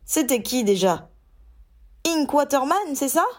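A woman's voice: high voice, lively intonation, unhurried, voice pushed up. A woman voicing a hotheaded young wizard who blurts out sarcastic remarks. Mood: mocking.

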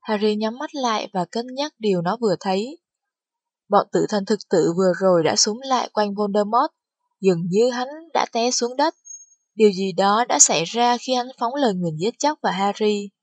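A woman narrating an audiobook with steady storytelling delivery. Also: medium pitch, moderate pace, husky, dry recording. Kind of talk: scripted narration.

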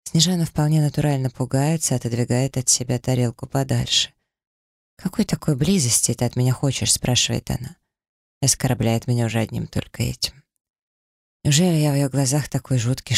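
Male audiobook narrator, gravelly and intense, dry close read. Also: medium pitch, no room sound. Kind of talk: first-person audiobook narration.

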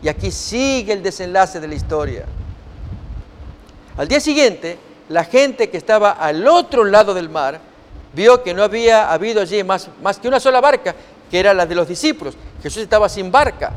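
Male preacher, high voice, teaching from scripture with rhetorical questions, long hall reverb. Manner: reads scripture aloud and asks the listeners rhetorical questions. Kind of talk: sermon-style Bible teaching.

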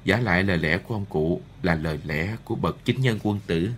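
A man voicing a gentle, kind noblewoman and mother in an audiobook, speaking softly. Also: deep voice, a little fast, slight background noise. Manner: soft, gentle.

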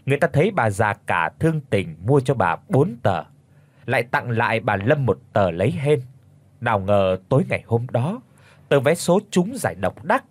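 Husky, lively male storyteller. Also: mid-range voice, normal speed, no echo. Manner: expressive, dramatic storytelling. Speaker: audiobook narrator. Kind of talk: scripted story narration.

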